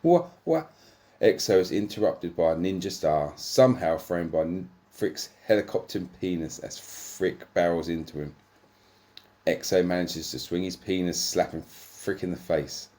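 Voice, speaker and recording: Deep voiced guy reading a dumb raunchy story, deadpan, trips over words sometimes. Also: normal speed. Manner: deadpan, stumbles and swears. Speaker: narrator. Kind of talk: comic erotic story reading.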